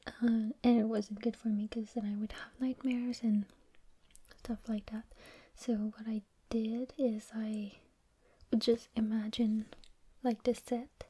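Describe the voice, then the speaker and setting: A woman whispering in a breathy, unvoiced voice, reading stories and rambling informally in an unhurried ASMR style. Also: fairly high pitch, flat delivery, mellow.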